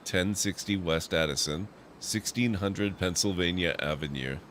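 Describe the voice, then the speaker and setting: A man's voice: low-pitched, unhurried, a bit bright, slight background noise. A man commenting on a video game playthrough and reading game text aloud as he streams.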